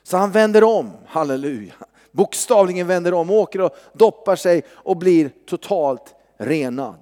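A man preaches in a high, lively voice, telling a story in a chatty, animated way. His words ring out with the long reverb of a church hall. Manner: animated, conversational, frequent tag questions. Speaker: pastor. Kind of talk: sermon with personal testimony.

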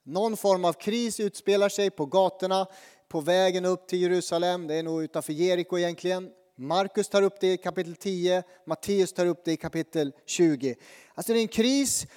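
A man's voice: sits high, darkish tone, clean tone, long reverb tail. A man preaching a sermon and praying, earnest and conversational, with fillers and restarts. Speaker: pastor. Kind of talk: sermon with prayer.

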